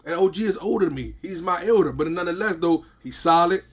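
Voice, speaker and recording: A man's voice: high voice, animated, quick pace, breathy edge. A man, a podcast host chatting casually and emphatically, often repeating "you feel what I'm saying". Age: 40s. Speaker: podcast host and business owner.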